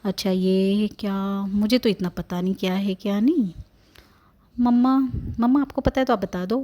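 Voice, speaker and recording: A woman's voice: medium pitch, steady tone, moderate pace, dark tone, a little hiss or hum, natural voice. A woman voicing a sassy, complaining newborn baby girl, narrating a family vlog in a playful, teasing voice-over. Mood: cheeky.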